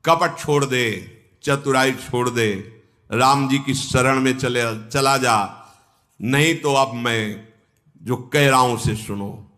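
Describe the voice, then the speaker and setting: A man's voice: on the high side, lively intonation, a little slow, fairly bright tone. A man doing a fiery monkey warrior envoy. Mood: stern rebuke. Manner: rebuking, fervent. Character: bold loyal male monkey warrior envoy.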